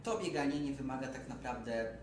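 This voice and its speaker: A young man, a running coach, explaining his views calmly and firmly in casual conversation. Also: medium pitch, a little fast. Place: bright office room. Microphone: far camera. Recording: echoey room from far off with noise.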